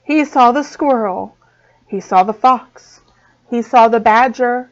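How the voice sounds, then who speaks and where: A woman teacher reading a storybook aloud to small children, expressive and slow. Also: fairly high pitch. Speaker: preschool teacher. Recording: dull lo-fi sound.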